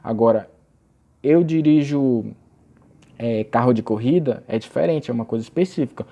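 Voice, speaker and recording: A young man teaching English grammar in a recorded video lesson, explaining patiently and reading example phrases aloud slowly. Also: mid-range voice, dull audio.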